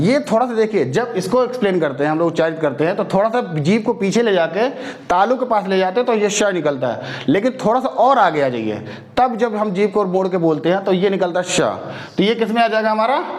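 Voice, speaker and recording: A man teaching a Hindi grammar lesson, sounding out letters slowly and checking often that his students follow. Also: sits high. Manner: explains step by step, repeatedly checks understanding.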